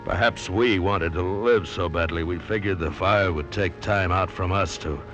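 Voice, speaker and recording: A man with a deep, somewhat bright voice narrates and plays the lead in an old radio drama, speaking at normal speed in a grim, weary first-person style. Music runs beneath the old radio recording.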